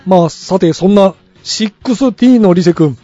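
A woman's voice: medium pitch, animated, normal speed, dark tone, soft background music. A woman hosting a radio show in casual chat, playful and mock-pompous at times. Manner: playful, mock-pompous old-fashioned phrasing. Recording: slightly dull radio recording.

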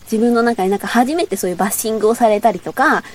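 A woman's voice: a little high, racing. Chatty young woman, Boso dialect. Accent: Boso dialect of Chiba. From Chiba, Boso area. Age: young adult. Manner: rambling, self-mocking, chatty. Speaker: radio show host. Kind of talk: casual solo talk, reading out old memos.

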